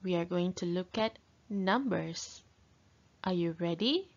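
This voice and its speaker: A woman English teacher giving a young children's lesson, teaching them to count, slowly and with prompts to repeat, on a muffled recording. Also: fairly low pitch.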